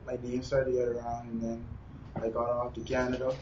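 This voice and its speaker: A young man with a Bahamian accent, a basketball player answering interview questions in a relaxed, plain way. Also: mid-range voice, fairly quick. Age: young adult. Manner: relaxed, plain, uses "like" and "you know". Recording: roomy, distant, dull with faint noise.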